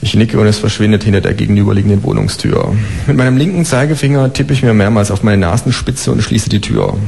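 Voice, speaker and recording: A man reading his own comic stories aloud in a dry, deadpan first-person narration. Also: lowish voice, fast, vocal fry. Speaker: author reading.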